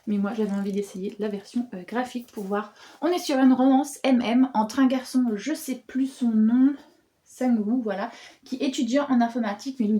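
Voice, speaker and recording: A young woman chatting casually about books she bought, talking through frequent fillers with lively asides. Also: fairly high pitch. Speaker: booktuber and bookseller. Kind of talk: casual book haul chat.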